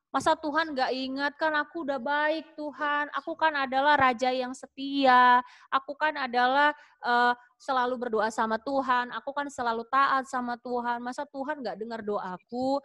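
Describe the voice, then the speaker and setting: A woman's voice: sits high, steady tone, normal speed, pushed and bright. A woman voicing a sick, frightened male king who pleads in prayer to be healed, in a storytelling lesson for children. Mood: pleading. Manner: pleading, plaintive.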